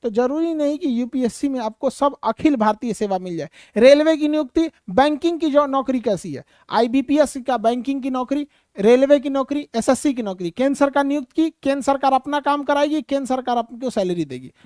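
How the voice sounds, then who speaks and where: A woman's voice: sits high, expressive, fairly quick, warm tone, no room sound, studio quality. A woman giving a classroom lecture to live students. She asks rhetorical questions and answers them herself, and breaks off to tease and scold students. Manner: teasing, scolding asides to students. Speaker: teacher.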